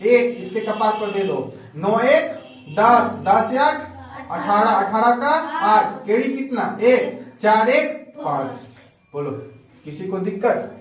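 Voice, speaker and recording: Taking it slowly, a male math teacher speaks in a high-pitched, animated voice, repeatedly questioning his students and checking they've understood. The exchange is a repetitive call-and-response, recorded from a distance in a very echoey classroom.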